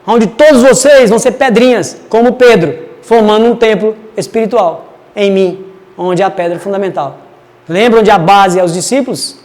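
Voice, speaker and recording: A man's voice: high-pitched, darkish tone, big-room sound. A man teaching a casual Bible study, chatty and digressive as he reads verses aloud.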